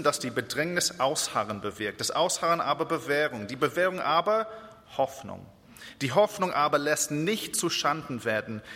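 A man from Israel preaching a sermon in German, earnest, with hesitations and slow repeated phrases for emphasis. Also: medium pitch, bright, forceful tone. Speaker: guest preacher. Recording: reverberant church hall.

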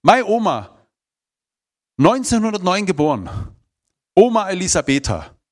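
A man's voice: sits high, big pitch swings, unhurried. A man, telling his personal testimony in an emphatic, emotional way. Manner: emphatic, emotional storytelling with shifting volume.

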